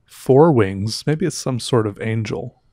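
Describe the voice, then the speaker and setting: A warm, expressive mid-range voice belongs to a man in his thirties with a slightly sore throat, who speaks unhurriedly. He's giving rambling, chatty livestream commentary on viewer art, often interrupting himself. A headset boom mic in a small room captures him without echo.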